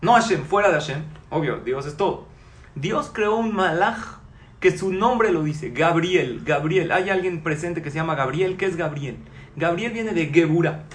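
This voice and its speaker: A man in his forties giving a religious class to a live audience, animated and firing rhetorical questions at the listeners. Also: fairly high pitch, measured pace, echoey room. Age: 40s. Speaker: Torah teacher.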